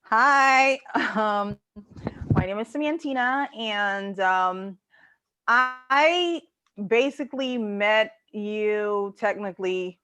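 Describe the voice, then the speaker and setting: A woman from New York introduces herself on a video call. She speaks very slowly, with a bright, sharp tone, and hesitates often. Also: mid-range voice, clean tone. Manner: hesitant, filler-heavy. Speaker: workshop participant.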